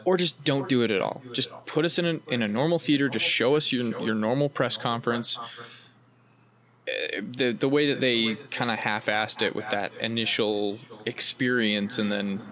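A man's voice: mid-range voice, fairly even intonation, moderate pace, a bit bright. A man co-hosting a casual gaming podcast, telling a long story with many restarts. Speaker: podcast co-host. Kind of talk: casual chat.

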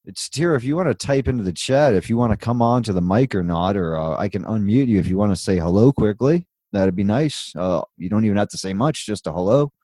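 A man's voice: lowish voice, animated, quick pace, few pauses, warm tone, no echo, clean studio sound. A man hosting a live show in casual chat, rambling along with easygoing asides. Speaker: host.

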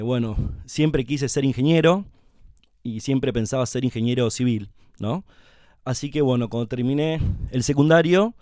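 A middle-aged Argentine man from La Pampa, a company co-founder chatting as a guest in an interview, telling his story in a relaxed way with lots of fillers. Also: mid-range voice, no echo, studio quality. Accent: Argentine Spanish. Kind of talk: casual interview conversation.

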